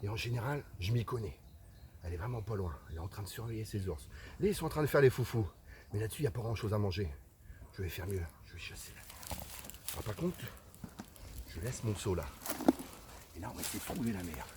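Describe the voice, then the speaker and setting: A man's voice: lowish voice, animated, fast talker, background noise. A man giving comic, exaggerated wildlife commentary outdoors, talking straight to the viewers as his friends. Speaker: comic host of a mock hunting video. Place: outdoors in a forest.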